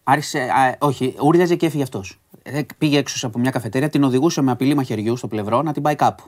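A man with a mid-range voice hosts a podcast, recapping news stories for his co-host. He keeps it casual and conversational, full of asides and hesitations.

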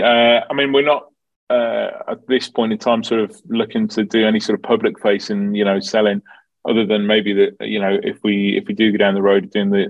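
Male interviewee, Dublin Irish accent; low voice, very flat intonation, informal explainer. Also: no room sound, highs cut off. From Dublin, Ireland. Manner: explanatory, informal, peppered with 'you know'. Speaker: farm manager, interview guest. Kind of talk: conversational interview answers.

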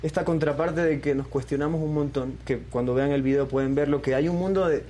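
A man's voice: on the high side, steady tone, fairly quick, warm tone. A young man from Ecuador, a singer being interviewed, talking casually with many fillers and restarts. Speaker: guest singer.

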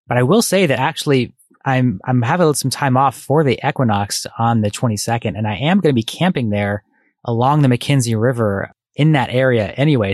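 A man's voice: medium pitch, dry recording, studio quality. A man co-hosting a casual podcast in an easygoing, friendly way. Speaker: podcast co-host. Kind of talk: casual chat.

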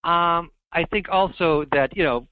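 A man's voice: on the high side, a little slow, dry recording. Male guest heard over a landline phone, dull dry sound, easygoing and self-deprecating. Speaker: guest author. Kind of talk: casual interview chat. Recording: muffled landline phone line.

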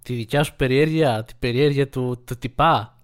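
A man's voice: mid-range voice, clean tone. A man co-hosting a podcast in casual chat, teasing with dry sarcasm. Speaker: podcast co-host.

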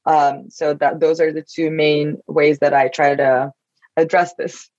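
A woman's voice: low voice, steady tone, a little slow, a little mellow, no room sound, muffled recording. Thoughtful woman. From Turkey. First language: Turkish. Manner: thoughtful, searching for words. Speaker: podcast host. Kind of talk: casual podcast conversation.

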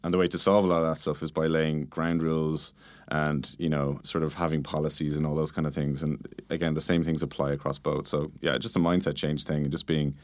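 A man with a bass voice answers interview questions casually as a guest, a product manager peppering his explanations with "like" and "you know." He keeps a level tone at a fairly quick pace. No room sound can be heard.

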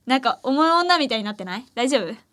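A woman's voice: high voice, big pitch swings, very fast, a bit bright. A young woman hosting a late-night radio show, chatting casually in a playful, teasing way and laughing often. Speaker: radio host. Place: radio studio.

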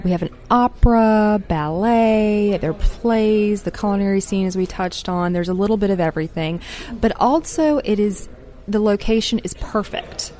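A woman's voice: mid-range voice, a little mellow. A woman guest on a radio travel interview, talking enthusiastically with many fillers and restarts. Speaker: tourism representative guest.

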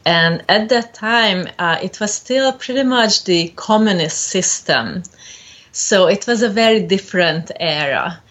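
A woman of around forty from Hungary, with a Hungarian accent, answering as an interview guest in a gentle, thoughtful way with pauses. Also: medium pitch, lively intonation. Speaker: guest spiritual medium.

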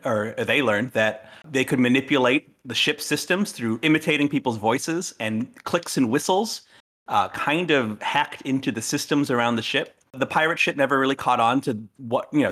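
A man's voice: medium pitch, fairly bright tone. Man rambling through a character backstory. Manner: loose, rambling, with fillers. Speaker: player. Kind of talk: casual tabletop character backstory.

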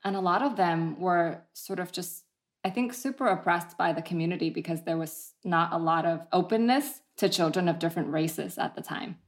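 Born in Vietnam, this therapist appears as an interview guest, calmly explaining history and family trauma. He has a high male voice and speaks at a moderate pace in an explanatory way.

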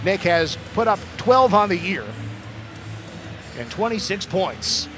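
A man's voice: sits high, very animated, slow, music in the background. A man giving live hockey commentary as play-by-play announcer, with dramatic calls on big plays. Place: arena broadcast booth.

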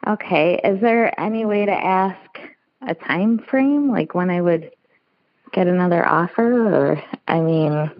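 A woman's voice: fairly low pitch, measured pace, dry recording. A female caller heard over the phone, and the line sounds dull and muffled. She answers in short, agreeable bits and asks a simple question now and then. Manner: brief, agreeable replies. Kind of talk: call-in reading with a host.

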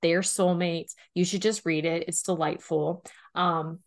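A woman co-hosting a book review podcast, chatting casually with a steady stream of "like" and quick laughs. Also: fairly low pitch. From Pennsylvania, US. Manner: chatty, heavy use of "like", animated and laughing. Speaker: podcast co-host reviewing romance books. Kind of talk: casual chat.

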